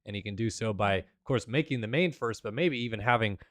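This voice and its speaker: With a lowish, fairly bright voice and a fairly quick pace, a man delivers upbeat play-by-play commentary on an esports race, reading sponsors and plugs as his voice recovers from having been lost. Slight background noise is audible.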